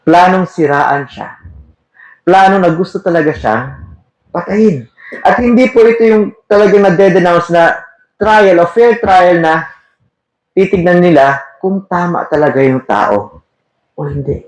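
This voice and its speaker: This sermon comes from a man with a high-pitched voice who speaks at a measured pace with long pauses. He reads verses, questions his listeners, and moves between Tagalog and English terms, all in an echoey room.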